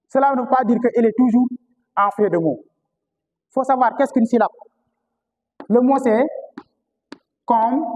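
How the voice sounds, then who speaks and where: A man with a Senegalese French accent teaching historical phonetics to a class, often repeating key words and asking rhetorical questions. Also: high voice. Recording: reverberant classroom.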